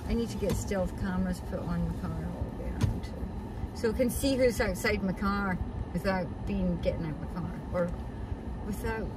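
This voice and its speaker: A woman's voice: medium pitch, moderate pace. Chatty woman muttering at the wheel. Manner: chatty, mutters and swears while parking. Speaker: vlogger living in her car. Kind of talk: casual chat while driving. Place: inside a car in a parking garage. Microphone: dashboard camera facing the driver. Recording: somewhat distant mic with loud car and street noise. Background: car engine, fan and city noise.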